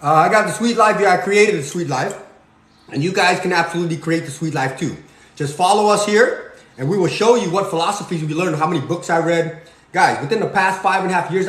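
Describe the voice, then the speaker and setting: A man's voice: high-pitched, reverberant. Cambodian-born man giving a preachy pep talk. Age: 40s. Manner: preachy, repeats "okay?" and "you guys". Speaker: fitness vlogger. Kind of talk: motivational talk while cooking. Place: home kitchen.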